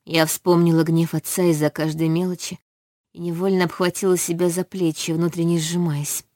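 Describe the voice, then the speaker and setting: A woman giving first-person scripted narration for an audiobook, measured and even. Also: lowish voice, no echo, clean studio sound.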